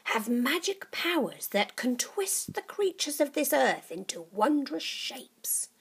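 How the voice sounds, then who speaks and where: A woman voicing a creepy, witchlike old grandmother in a storybook reading, with slow, relishing, menacing delivery. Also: fairly high pitch, very animated, fairly bright tone, pitched above the performer's own voice, heavily acted. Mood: sly, menacing.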